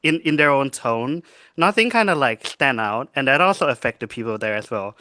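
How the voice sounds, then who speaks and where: A young man, co-hosting a podcast in casual chat, telling stories in a lively way with many fillers. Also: mid-range voice, brisk, no room sound. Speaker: podcast co-host.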